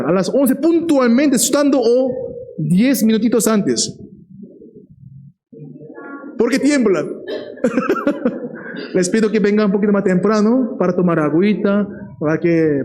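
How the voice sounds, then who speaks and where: A man preaching a sermon in a lively way. He often checks in with the listeners and slows down to stress key words. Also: high-pitched, low-quality recording.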